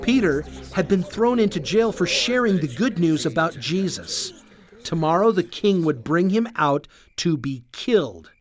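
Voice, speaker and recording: A storyteller reading a Bible story aloud for children in an expressive, animated way. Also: mid-range voice, unhurried, soft background music.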